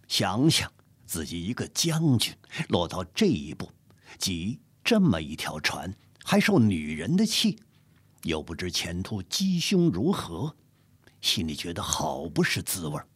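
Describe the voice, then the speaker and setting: A man narrating a story in an expressive, dramatic manner. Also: sits low, unhurried, husky, no echo.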